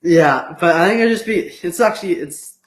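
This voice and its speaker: A teenage boy with a high voice co-hosts a podcast, chatting casually at a normal pace and teasing his friend, with lots of "um" and "like". The low-quality recording has an echoey room sound.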